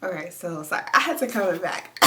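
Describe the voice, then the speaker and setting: Heavy background noise surrounds a young woman reading viewer comments while lying down at home. A congested vlogger with a fairly low pitch, she's animated yet measured, chatting loosely and leaning on lots of fillers.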